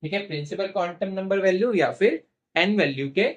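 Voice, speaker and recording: A man teaching chemistry in a classroom-style lecture, asking questions and answering them himself, slowing down to spell out formulas, and gently teasing his students. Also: sits high, dull audio. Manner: asks questions and answers them himself, repeats key terms; playfully teasing toward students.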